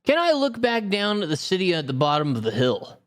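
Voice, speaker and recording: A man's voice: high voice, wildly swooping pitch, a little fast, a bit bright. A man playing a tabletop game, asking the game master questions. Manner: curious, asks many questions. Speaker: player. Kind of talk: casual tabletop play.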